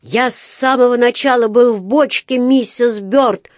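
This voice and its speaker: A woman's voice: a little high, a little slow, no room sound, studio quality, voice pushed up, close to an everyday voice. A woman voicing a small, polite young male bear who talks earnestly and meekly in a children's storybook. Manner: earnest, meek.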